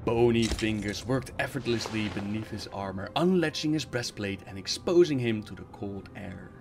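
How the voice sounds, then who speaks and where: A man's voice: lowish voice, normal speed, background noise. A man narrating game fiction aloud with dramatic reading and wry asides as host.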